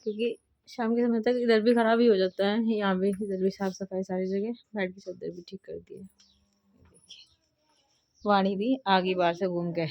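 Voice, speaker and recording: A woman's voice: medium pitch, steady tone, moderate pace, darkish tone. Chatty young woman narrating her housework. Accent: Uttar Pradesh Hindi. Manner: chatty, explains each chore to viewers as she works. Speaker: family vlogger and homemaker. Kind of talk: casual vlog narration of housework.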